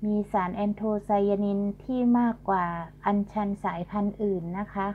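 On a casual garden tour filmed outdoors with a handheld phone, a middle-aged woman who hosts a garden channel politely talks about the flowers. Her voice is medium-pitched and level, at normal speed. The sound is dull and lo-fi, carrying a faint hum.

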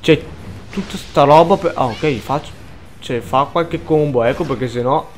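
A young man commentating his gameplay, swearing often, muttering and then bursting into frantic shouts. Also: a little high, normal speed, soft background music. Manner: swears a lot, frantic outbursts, mutters under breath. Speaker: gaming let's player.

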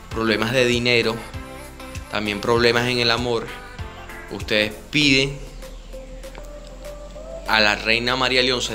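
A Venezuelan-accented man leads a home ritual and explains each step to the people watching. He talks directly to viewers and repeats his instructions over and over. His voice sits at an ordinary middle pitch, and music plays clearly behind him. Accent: Venezuelan Spanish. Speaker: spiritist ritual guide. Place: indoor room with a home altar.

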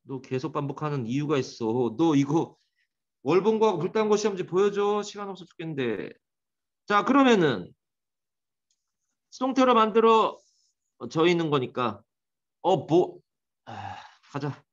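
A man teaches English grammar to a classroom, his fairly high voice leaping around with animated swings. He quizzes and teases his students by name between points. The recording is dull and lo-fi. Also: a little slow, long pauses.

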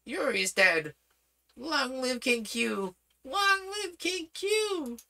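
A man voicing rough palace guards who exclaim loudly in a storybook reading. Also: high-pitched, very animated, takes it slowly, pitched above the performer's own voice, exaggerated voice. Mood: cheering. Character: rough palace guards, snarling then cheering. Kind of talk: audiobook character voice.

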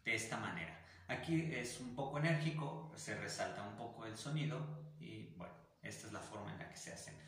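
A man's voice: fairly low pitch, expressive, a little fast, few pauses, a bit bright. A man with a Mexican Spanish accent teaching an online music theory class, explaining patiently and singing syllables to demonstrate articulations. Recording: very echoey room, faint noise.

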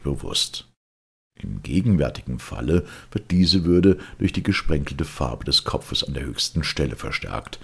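Reading literary prose as an audiobook narrator, a man speaks in a very deep, gravelly, husky voice. His phrasing is measured and deliberate.

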